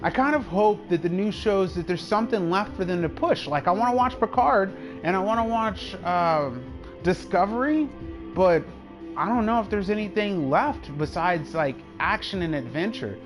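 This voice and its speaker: A man's voice: high-pitched, expressive, normal speed, over music, rough recording. Chatty, rambling male streamer. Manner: rambling, chatty, laughs often. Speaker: live streamer. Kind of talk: casual chat while gaming.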